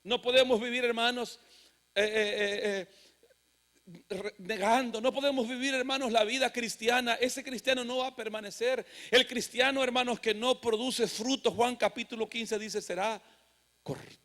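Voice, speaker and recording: A male pastor delivers a sermon in a church sanctuary. His voice sits notably high for a man. He builds from steady scripture reading to fervent, emphatic declarations. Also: normal speed.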